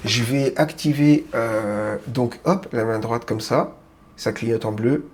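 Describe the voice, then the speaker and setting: A man hosting a casual home product demo of a webcam, chatty and excited, with lots of fillers and restarts. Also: mid-range voice, takes it slowly. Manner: enthusiastic, keeps repeating how great it is. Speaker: tech video host. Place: small room at home with grow tents.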